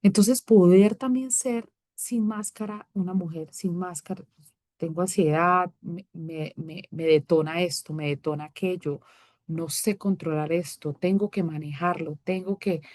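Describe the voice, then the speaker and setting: Female guest, 30s, slightly low, animated storyteller acting out dialogue, dry studio sound. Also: no echo. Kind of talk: personal testimony in casual conversation.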